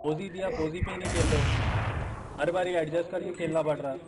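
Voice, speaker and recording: A man with a high voice lectures his teammates over voice chat, telling them to stay calm and play their assigned spots. Heavy gunfire from the game is loud behind him. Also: fast talker, very noisy. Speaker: tournament player. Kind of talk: team voice chat during a match.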